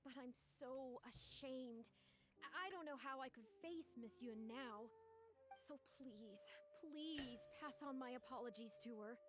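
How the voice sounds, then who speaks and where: A woman's voice: high voice, a little slow, over music. A woman voicing an earnest, eager young reporter in a video game, polite, hesitant and easily embarrassed. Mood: ashamed, apologetic.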